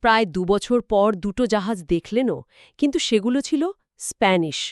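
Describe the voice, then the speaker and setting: A woman's voice: mid-range voice, animated, fairly quick, no echo, studio quality. A woman co-hosting a scripted history conversation, filling in story details and reacting with brief agreement. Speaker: co-host. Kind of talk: scripted two-host history chat.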